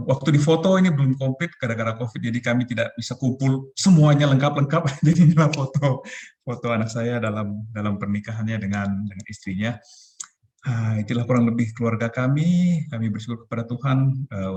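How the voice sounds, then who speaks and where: A man in his forties giving a relaxed, chatty youth talk over a video call, laughing often. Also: medium pitch. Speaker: youth ministry speaker.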